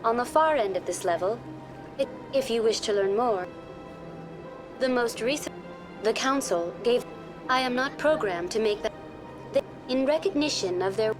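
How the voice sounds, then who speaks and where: A too-smooth android guide. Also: female voice, fairly high pitch. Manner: too smooth, evenly polite android-like delivery. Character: polite female virtual guide program, calm, helpful. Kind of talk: video game dialogue. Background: game music.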